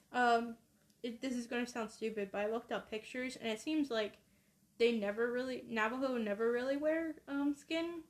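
Hesitant woman podcast host, slightly high. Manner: hesitant, hedging, frequent ums. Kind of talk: casual podcast chat.

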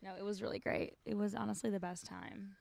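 A young woman co-hosting a casual podcast outdoors by a backyard pool, speaking in a relaxed, trailing way with many fillers. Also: mid-range voice, fairly quick, vocal fry. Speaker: podcast co-host.

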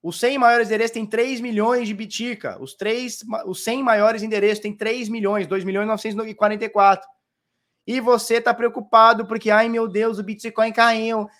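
A man's voice: sits high, steady tone, normal speed, a bit bright. A man from Santos, giving casual crypto market commentary, teasing the viewer and pointing things out with "ó". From Santos, Brazil. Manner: teasing, mocking the viewer, constant "ó".

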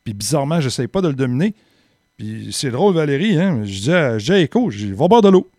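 An animated man with a Quebec French accent tells a story in relaxed podcast chat. His voice sits in a middle range and sounds close and dry, with almost no room around it. He drops casual swear words as he goes. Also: mid-range voice, quick pace, dry recording. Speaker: podcast co-host.

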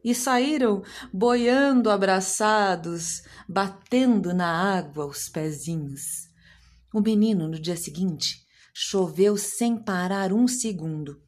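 Woman storyteller, sing-song children's rhymes, mid-pitched. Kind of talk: rhyming children's story reading.

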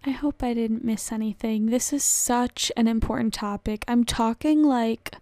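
A woman hosting her own solo podcast, speaking calmly and in an unhurried, self-aware way. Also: a little high, no room sound, studio quality. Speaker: podcast host.

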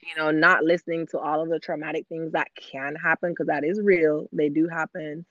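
A woman's voice: low-pitched, level tone, normal speed, fairly bright tone, dry recording, dull audio. A woman in her thirties, a podcast guest, telling her story openly in casual chat. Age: 30s. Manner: candid, open storytelling.

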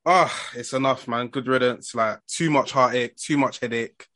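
A man's voice: mid-range voice, normal speed, sharp tone, no echo. A young man with an urban London roadman accent hosting a football podcast in casual, slangy chat. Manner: slangy street talk.

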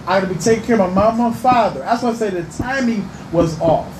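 A man's voice: high-pitched, brisk. A man in a heated casual group debate, insistent, repeating himself and talking over the others. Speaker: discussion panelist. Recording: echoey room, faint background noise.

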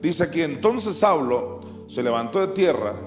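A Mexican man preaches a sermon in a big echoing hall, his voice ringing out with a long reverb tail. He acts out the Bible voices, swinging from loud, high calls to low, quiet asides. Soft music plays faintly underneath. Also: measured pace. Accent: Mexican Spanish. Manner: animated, acts out Bible voices with sharp rises and drops.

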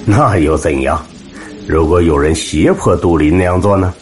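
A man voicing a calm, skeptical, level-headed man in a storybook, speaking firmly. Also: low voice, moderate pace, a little hiss or hum, lightly acted. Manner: firm, cool.

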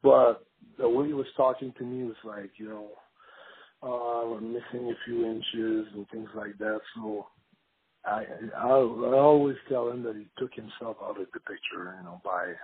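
A former pro wrestler in his fifties from Montreal, Canada, speaks with a Quebec French accent in a husky, medium-pitched voice at normal speed and fairly even intonation. As a guest in a casual interview, he rambles through his story with lots of "you know" fillers over a tinny phone line.

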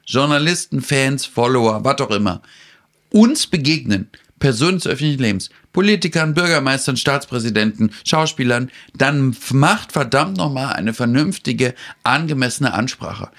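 A man with a mid-pitched voice, holding forth in lively podcast chat. He sounds indignant and theatrical, and he acts out whole exchanges with other people as he goes. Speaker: podcast host. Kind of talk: animated casual chat.

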